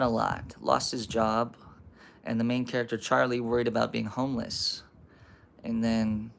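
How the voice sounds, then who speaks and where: Brief: male streamer, laid-back read-aloud with asides, some vocal fry. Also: mid-range voice, a bit bright, slight background noise. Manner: casual, chatty asides, loose recap with fillers. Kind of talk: reading a novel aloud to a live chat.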